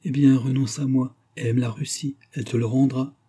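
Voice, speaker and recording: A man reading an audiobook voices a pious young woman who speaks earnestly and resolutely, with a husky voice. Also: mid-range voice, fairly even intonation, normal speed, mellow, voice pushed up. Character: pious proud young woman, gentle but firm.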